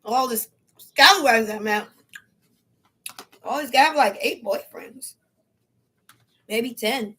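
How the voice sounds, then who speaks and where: Woman, higher-pitched voice, chewing while talking, casual livestream chat, slangy, opinionated, playful. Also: slow pace, pauses often, a bit bright, husky. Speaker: solo livestream vlogger. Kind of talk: casual chatty livestream monologue. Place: at home.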